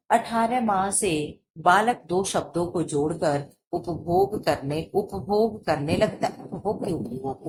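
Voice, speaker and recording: A woman teacher runs through exam-prep material, asking herself quick rhetorical questions and answering them. Her voice sits at an ordinary pitch. A clear layer of noise runs under the recording. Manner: explains and quizzes herself with repeated rhetorical questions.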